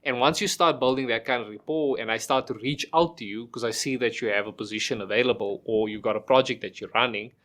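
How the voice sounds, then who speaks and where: Bright and forceful, this mid-range male voice belongs to a middle-aged South African podcast guest. His talk is casual, full of everyday examples, restarted phrases and rhetorical questions.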